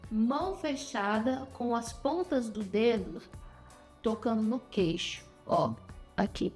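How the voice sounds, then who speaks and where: Slow, patient woman teacher. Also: fairly high pitch, darkish tone, faint music behind. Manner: patient, demonstrative, repeats words slowly. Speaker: sign language teacher. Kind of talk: slow step-by-step lesson.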